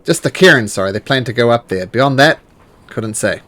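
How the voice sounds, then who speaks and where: Friendly, generous male outfitter for a tabletop game, voiced by a man, folksy and obliging, lively swooping pitch. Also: moderate pace, lightly acted. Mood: matter-of-fact, helpful. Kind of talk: improvised tabletop role-play.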